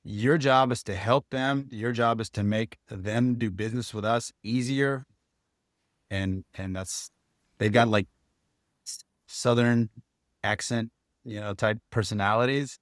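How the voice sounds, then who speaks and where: A man talking candidly as a guest in a podcast interview, relaxed, with frequent restarts. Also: medium pitch, measured pace, long pauses, no echo, clean studio sound. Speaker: guest insurance agent.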